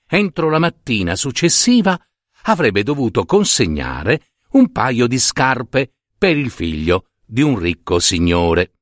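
A man narrating a fairy tale in a gentle, expressive storytelling manner. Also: mid-range voice, no echo, clean studio sound.

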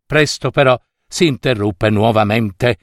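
A man reading a fairy tale aloud in an expressive, playful way. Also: mid-range voice, unhurried, dry recording, studio quality. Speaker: storyteller.

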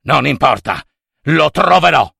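A man's voice: animated, unhurried, vocal fry, husky, no room sound, clean studio sound, exaggerated voice. A man doing a raging river-god father. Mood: furious. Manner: shouting, booming, accusing. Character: furious old river god, a wrathful father.

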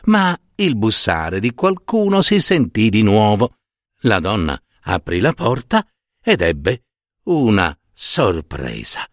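A man reading a Christmas fairy tale aloud, tender and expressive. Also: lowish voice, dry recording, studio quality. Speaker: storyteller. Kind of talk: storybook narration.

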